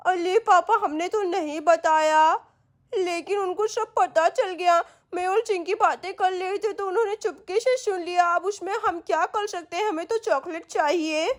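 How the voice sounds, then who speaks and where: A woman's voice: very high-pitched, normal speed. A woman voicing a cheeky young girl in a doll story, demanding her chocolate. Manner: childish, demanding. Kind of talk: Hindi doll-story role-play.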